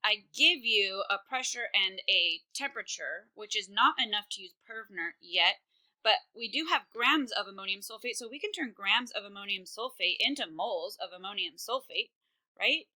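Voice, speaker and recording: Close to a computer microphone, a woman leads a recorded online chemistry class in a chatty, casual style packed with fillers. Her mid-range voice is very bright and expressive, moving at a moderate pace.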